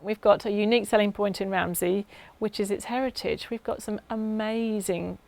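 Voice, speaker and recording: A woman's voice: medium pitch, fairly even intonation, moderate pace, vocal fry, darkish tone. A woman speaking upbeat and persuasively in an interview about community work.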